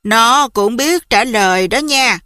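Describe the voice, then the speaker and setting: Affectionate, cooing woman principal, read by a woman, bright and dry. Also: fairly high pitch, expressive, takes it slowly, no echo, exaggerated voice. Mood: fond. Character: warm woman school principal.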